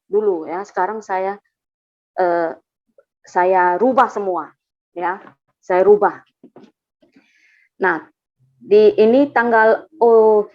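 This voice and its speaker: Rambling woman, lo-fi testimony. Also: mid-range voice. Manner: rambling, repeats herself, animated when quoting. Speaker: testimony giver. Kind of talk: casual spoken testimony. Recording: dull lo-fi sound.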